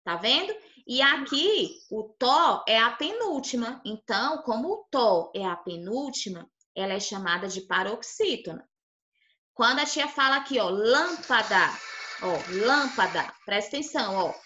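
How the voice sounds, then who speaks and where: A young woman teacher with a Brazilian Portuguese accent leads a lesson for small children. Her voice is bright and slightly high. She is patient and checks their understanding at every step. The recording has a roomy echo. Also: animated, normal speed, dull audio. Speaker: primary school teacher. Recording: echoey room.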